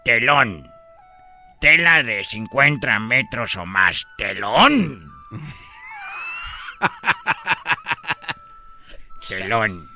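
A man's voice: mid-range voice, sing-song, very slow, pushed and bright, faint music behind, heavily acted. A man voicing a boastful, absurd old male genie sage in a radio comedy sketch, making solemn mock-wise pronouncements. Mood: playful.

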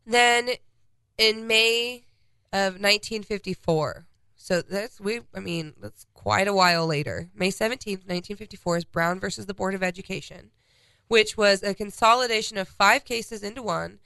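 A stuffed-up woman co-hosts a casual podcast, running through a list of dates and events. Her voice is bright with a gravelly edge. It is recorded close and dry. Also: mid-range voice, normal speed, no room sound. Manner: reads out a history timeline of dates. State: congested. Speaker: podcast co-host.

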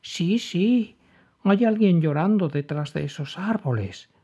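A chirpy little bird with a raised, lively voice, eager and helpful, as a male storyteller puts him on. The tone is a bit husky and the recording dull. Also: high-pitched, slow pace, voice pushed up, heavily acted.

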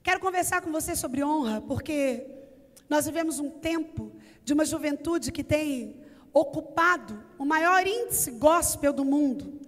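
A woman's voice: high voice, animated, measured pace. A woman with a Brazilian Portuguese accent preaching a sermon in a church, earnest and building emphasis through repeated lists. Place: church sanctuary. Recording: echoey church hall.

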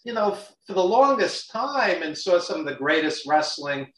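A man's voice: high voice, very animated, normal speed, a bit bright. A man from New York with a Brooklyn accent, chatting casually in a blunt, opinionated way as a guest. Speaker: guest, wrestling industry insider. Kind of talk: casual chat. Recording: roomy, echoey, distant from mic.

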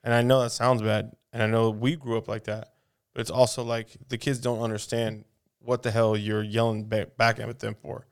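A man's voice: mid-range voice, level tone, normal speed, clear, resonant tone. A man chatting casually on a podcast, swearing a lot and asking the others questions. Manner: profane, rambling, asks questions. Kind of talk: casual chat.

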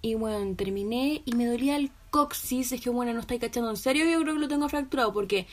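A woman's voice: a little high, quick pace. A young woman with a Chilean accent, chatting casually as a podcast co-host and telling stories over a remote call, full of slang fillers. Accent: Chilean Spanish. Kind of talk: casual chat between friends.

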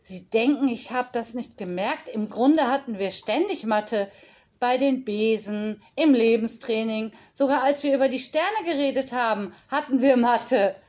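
A clever schoolgirl speaks eagerly and cheekily in a high voice, voiced by a woman reading a storybook. Her words tumble out with bright enthusiasm. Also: measured pace, natural voice. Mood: cheeky.

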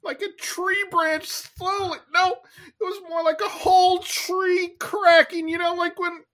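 A woman's voice: very high-pitched, little pitch movement, measured pace, fairly bright tone. A woman voicing an anxious male cat who tells a story in a rambling, teary way.

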